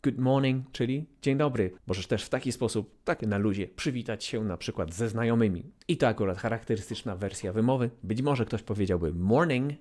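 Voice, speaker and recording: A man's voice: fairly quick, hardly any pauses. Playful male English teacher. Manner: playful, repeats phrases with big exaggerated swings in pitch and loudness. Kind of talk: online language lesson.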